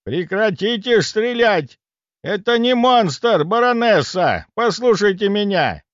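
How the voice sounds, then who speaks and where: A man voicing a gruff, boastful old grandfather who bellows, in an audiobook. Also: sits high, animated, measured pace, dry recording, lo-fi sound, voice pushed up. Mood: bellowing. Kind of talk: audiobook character voice.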